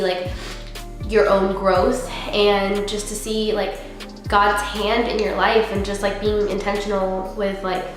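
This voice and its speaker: A young woman who is congested with a cold, talking casually and earnestly in a reflective vlog and often dropping in "like" as a filler. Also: medium pitch. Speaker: vlogger. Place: unfurnished apartment room, indoors. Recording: very echoey empty room, music underneath.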